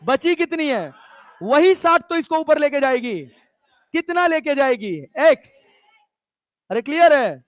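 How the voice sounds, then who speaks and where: High-pitched man teaching physics slowly. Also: animated. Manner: coaxing, teasing, scolds students casually. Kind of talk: classroom lecture.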